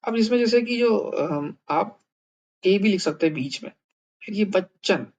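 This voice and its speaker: A man's voice: sits high, animated, a little slow, darkish tone. A man teaching a language lesson in a casual way, thinking aloud with many fillers and repeated words.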